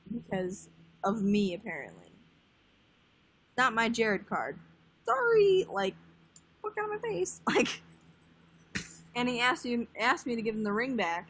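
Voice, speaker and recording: Husky-voiced eighteen-year-old woman. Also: medium pitch, fairly bright tone, rough recording. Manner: laid-back, swears casually, laughs often. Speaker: livestream guest. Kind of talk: casual chat.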